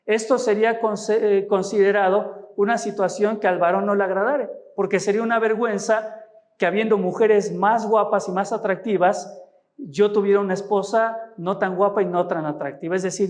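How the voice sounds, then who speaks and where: High-voiced Mexican pastor preaching. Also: male voice. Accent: Mexican Spanish. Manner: teaching, asks listeners rhetorical questions. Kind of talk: sermon.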